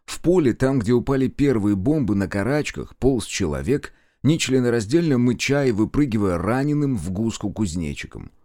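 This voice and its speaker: A man reading a war novel aloud in an expressive, dramatic style. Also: mid-range voice, moderate pace, hardly any pauses, no room sound, clean studio sound. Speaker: audiobook narrator. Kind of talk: dramatic audiobook narration.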